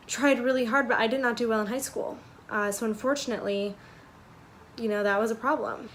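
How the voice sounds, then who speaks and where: A woman in her twenties giving casual, chatty advice to camera in a conversational way full of "like" and "you know", recorded indoors in a bedroom on a camera mic. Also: medium pitch. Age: 20s. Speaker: vlogger giving sorority recruitment advice. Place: small furnished bedroom, indoors. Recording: clear background room noise.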